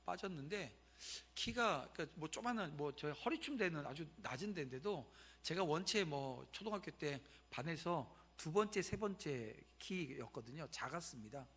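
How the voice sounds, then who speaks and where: High, bright-voiced Korean pastor preaching. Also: male voice, animated, normal speed, few pauses, slightly rough. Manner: storytelling, conversational asides to the congregation. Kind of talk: sermon. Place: church sanctuary.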